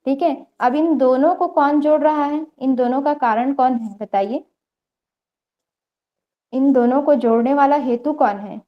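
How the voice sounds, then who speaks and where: This yoga lecturer is a young woman whose high voice moves at a measured pace, and the recording has its upper frequencies cut off. She explains online yoga theory one step at a time, frequently pausing to see how her students are doing.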